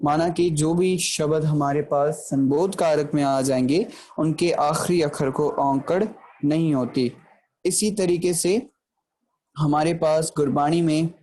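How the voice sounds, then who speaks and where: A man giving an explanatory grammar lecture, patiently checking in with the listener and slowing down to recite verse lines for emphasis. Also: on the high side, a little mellow. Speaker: Gurbani grammar teacher.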